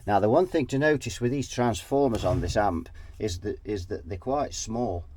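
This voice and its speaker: Sniffly and nasal from a head cold, this man walks through an amp repair at his workbench in a relaxed way, his pitch fairly low and his speed normal. His tone is a bit mellow, and there's slight hiss or hum behind him. He thinks out loud, frequently losing the thread and restarting.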